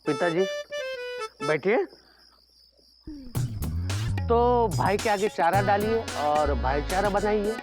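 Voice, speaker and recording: Scheming small-town fixer, wheedling haggler, lively swooping voice, sitcom music behind. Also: male voice, sits high, slow pace, pauses often. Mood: wheedling, bargaining. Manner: wheedling, theatrical bargaining. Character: scheming greedy small-town fixer, middle-aged man. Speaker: a villager bargaining over standing aside in an election. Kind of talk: Hindi sitcom acting.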